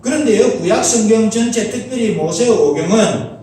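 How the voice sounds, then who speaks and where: Middle-aged male pastor, high animated preaching voice, earnest rhetorical questions, distant mic in a booming sanctuary. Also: normal speed, a little hiss or hum. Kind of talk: Sunday sermon. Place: church sanctuary. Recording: very echoey church hall, mic at a distance.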